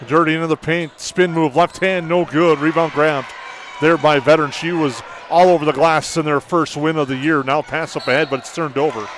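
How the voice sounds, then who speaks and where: A man's voice: fairly high pitch, steady tone, normal speed, fairly bright tone, slight background noise. A man working as a play-by-play broadcaster, giving live basketball commentary.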